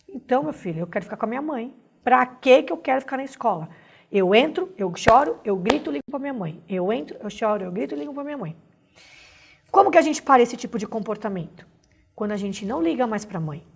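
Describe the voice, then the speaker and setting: A woman's voice: medium pitch, slightly rough. A woman with a Brazilian Portuguese accent teaching a recorded class, explaining step by step and often checking in with "né?". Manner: explanatory, frequent "né?" tag questions. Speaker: instructor.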